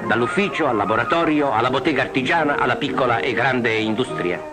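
Old 50s newsreel narrator guy, formal and declamatory, medium pitch, loud music behind. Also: fairly quick. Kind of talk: scripted 1950s newsreel narration.

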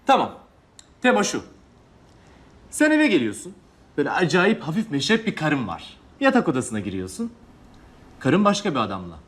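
A man's voice: a little high, wildly swooping pitch, moderate pace, pauses often, a bit bright. A man playing a director at an audition in a sitcom, giving bossy, pushy instructions. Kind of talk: sitcom acting.

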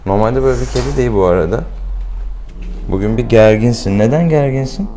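A man working as a vet, chatting casually and slipping into high baby talk with a cat at his clinic. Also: brisk, mellow, a little hiss or hum. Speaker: veterinarian. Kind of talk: casual talk with a pet owner. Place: indoors, at a vet's clinic.

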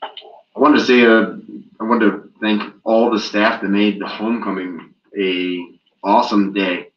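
Enthusiastic low-voiced man, echoey room. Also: fairly even intonation, unhurried, dull audio. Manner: enthusiastic, thankful. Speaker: board member. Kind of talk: meeting remarks. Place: school library meeting room.

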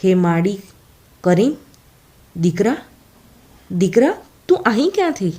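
A woman's voice: mid-range voice, very animated, measured pace, dark tone, breathy edge. A woman voicing an older mother who trembles and pleads with grief, read in an audiobook story. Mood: anguished.

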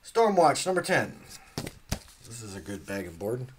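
A man's voice: mid-range voice, sing-song, a little slow, background noise. A man casually unboxing comics, rambling, trailing off and swearing offhandedly. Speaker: comic unboxing channel host.

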